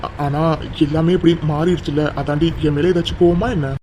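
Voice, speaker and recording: A man's voice: on the high side, steady tone, a little fast, dark tone, slight background noise, natural voice. A man voicing a caring, devoted young husband in a cartoon, talking earnestly and affectionately. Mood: tender. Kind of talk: cartoon dubbing.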